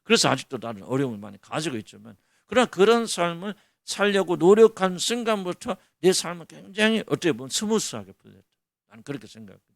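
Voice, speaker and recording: A middle-aged male pastor gives a colloquial sermon full of rhetorical questions. His voice sits a little high and swings widely in pitch, with a gravelly rasp. The sound is close and dry, with no room echo. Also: very animated, fast.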